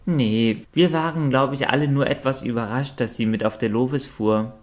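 A man reading aloud, voicing a kind, caring woman who speaks gently and encouragingly. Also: mid-range voice, normal speed, natural voice. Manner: warm, encouraging.

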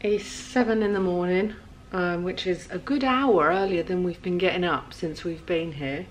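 Filming a casual vlog on her handheld phone, a young woman talks her way through a hotel buffet and then an airport terminal, saying "um" a lot. She speaks in a lowish voice at a moderate pace. The recording is low quality, with clear background noise.

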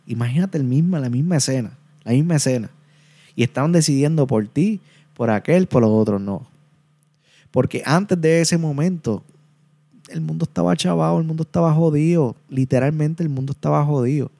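A man's voice: on the high side, normal speed, mellow. A man, hosting a podcast and talking through a book review in an earnest, casual way, often repeating and restarting his words. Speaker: podcast host.

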